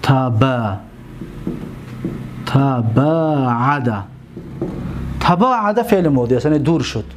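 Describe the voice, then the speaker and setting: A man's voice: mid-range voice, big pitch swings, hardly any pauses, background noise. A man teaching a class, reciting drill lists in a chanting rhythm, repeating key points and asking the class questions. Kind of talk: lecture on Arabic verb forms.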